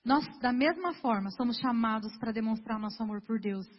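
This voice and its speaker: A woman's voice: on the high side, fairly quick, slightly rough. A young woman giving a sermon in an earnest, conversational way, talking straight to her congregation. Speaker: preacher. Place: church hall. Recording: dull lo-fi sound with long hall reverb.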